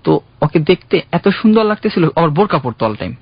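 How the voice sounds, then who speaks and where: A young man calling in to a radio show, earnestly recounting his own love story in a halting, heartfelt way. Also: a little high, very animated, husky, dry recording. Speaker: caller. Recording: dull, dry radio studio sound.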